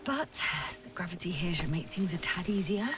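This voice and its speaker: A woman's voice: lowish voice, lively intonation, fairly quick, natural voice. An actress voicing a composed female field doctor in a video game who gives clipped, matter-of-fact reports. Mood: focused. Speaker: scientist on a planet mission. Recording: game audio, distant mic, music under.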